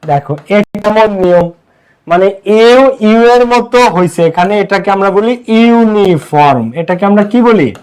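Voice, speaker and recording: Young Bangladeshi male tutor, high-pitched voice, Bangladeshi accent, quizzes the class and answers himself. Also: animated, moderate pace, darkish tone, clean tone. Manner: asks the class questions and answers them himself. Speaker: English teacher. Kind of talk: online class lecture.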